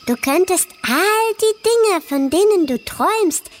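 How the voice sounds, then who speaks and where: A woman's voice: very high-pitched, lively intonation, measured pace, a little hiss or hum, voice pushed up. A woman voicing a small, cheerful, teasing fly in a children's story, encouraging and chirpy. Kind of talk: storybook reading.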